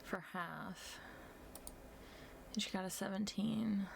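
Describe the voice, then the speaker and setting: A woman narrating as game master of a tabletop game, casual and chatty, quick to laugh. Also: mid-range voice, steady tone, gravelly, slight background noise.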